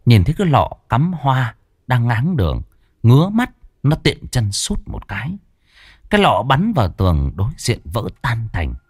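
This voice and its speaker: A man's voice: medium pitch, huge pitch swings, normal speed, breathy edge, dry recording. A man narrating a ghost story in a dramatic storytelling manner. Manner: dramatic storytelling with voiced characters. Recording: dry close recording with faint music.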